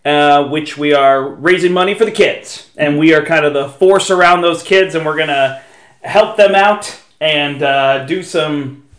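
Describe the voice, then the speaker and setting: Higher-voiced male podcast host, roomy sound. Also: unhurried, a bit bright. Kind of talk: casual gaming podcast chat.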